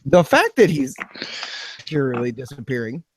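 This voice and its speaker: A man co-hosting a casual podcast, talking in a sarcastic, rambling way that swings from flat to animated. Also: medium pitch, moderate pace, a little hiss or hum. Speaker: podcast co-host.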